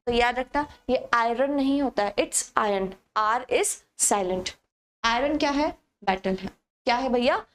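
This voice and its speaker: A woman's voice: a little high, measured pace. A young woman teaching a grammar lesson to exam students, explaining patiently and answering her own questions to the class.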